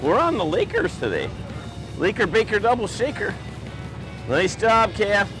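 High, lively whooping fishing host. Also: male voice, measured pace, over music, low-quality recording. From Wisconsin. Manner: loud, whooping and teasing. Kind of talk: excited on-boat fishing chatter. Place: open charter boat on a big lake.

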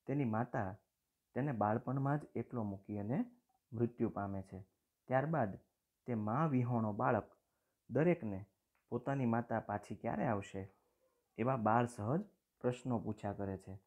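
Mellow-voiced Gujarati man teaching a lesson. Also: mid-range voice. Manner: reads story passages aloud, then explains them plainly; clears throat often. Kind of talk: reading and explaining a textbook lesson.

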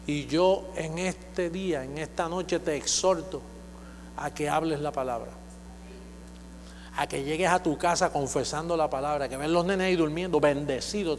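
A man preaching a sermon, exhorting his listeners and building to loud, repeated declarations. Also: on the high side. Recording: echoey hall with faint hum.

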